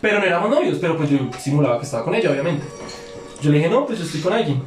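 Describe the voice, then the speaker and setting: A man's voice: fairly high pitch, animated, very fast, echoey room, soft background music. A young man telling a long story among friends, slangy and profane, acting out both sides of a quarrel. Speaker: podcast guest.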